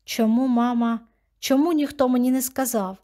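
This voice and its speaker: A woman reading an audiobook, voicing a quick-tempered teenage girl who pleads and then turns sharp and demanding. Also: fairly high pitch, fairly even intonation, close to an everyday voice. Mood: shaken.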